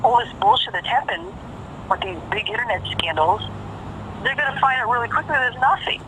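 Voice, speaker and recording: A woman's voice: on the high side, fairly quick, background noise. A woman talking casually on a phone call, emphatic and profane, repeating phrases for stress. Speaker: caller.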